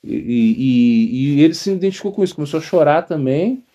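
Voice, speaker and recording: A man's voice: fairly high pitch, lively intonation, a little fast, dark tone, muffled recording. A man, a monk, giving an informal spiritual talk, telling rambling anecdotes and acting out the people he quotes, often laughing. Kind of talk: informal spoken discourse with anecdotes.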